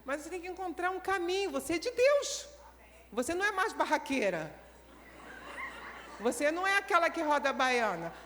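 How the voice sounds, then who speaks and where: Carioca lady pastor preaching, high voice, acts stuff out, long church hall echo. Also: normal speed, pauses often, slight background noise. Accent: Carioca Brazilian Portuguese. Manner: animated, acts out scenes with the congregation. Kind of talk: sermon.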